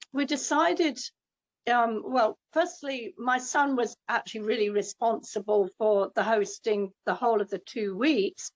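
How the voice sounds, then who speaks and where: A middle-aged woman giving a casual, anecdotal testimonial as a host, chatty and digressive. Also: on the high side. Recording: muffled lo-fi call audio.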